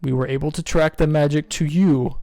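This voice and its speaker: A man voicing a huge, stately male penguin king who speaks slowly and solemnly in a tabletop game. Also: on the high side, fairly even intonation, no echo, lightly acted. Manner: slow, solemn and loud.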